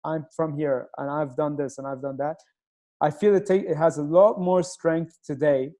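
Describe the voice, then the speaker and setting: A man who grew up in Nigeria hosts an interview over a video call. His voice is fairly high, with a mellow, warm tone. He searches for his words and hesitates as he asks his questions. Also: fairly even intonation, normal speed. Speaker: host. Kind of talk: casual interview talk.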